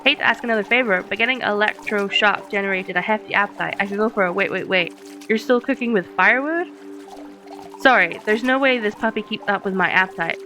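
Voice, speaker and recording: A woman voicing a cheerful, quippy rescued villager in a video game, reading the dialogue aloud at a brisk pace. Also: medium pitch, pushed and bright, faint music behind, close to an everyday voice. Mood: perky.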